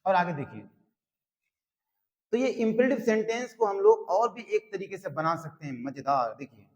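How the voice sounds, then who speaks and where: A man teaching English grammar in a slow classroom style, repeating each phrase word by word. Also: sits high, animated, long reverb tail, lo-fi sound. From Bihar, India.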